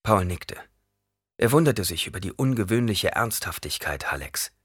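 A male audiobook narrator reads in an expressive storytelling manner. His voice is husky and bright and sits fairly low, with a lively intonation. The recording is dry and close. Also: normal speed, dry recording. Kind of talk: scripted narration.

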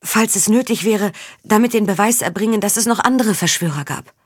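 A woman's voice: mid-range voice, expressive, fairly quick, slightly rough, no room sound, studio quality, voice pushed up. A woman reading as a burdened, resolute princess. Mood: urgent.

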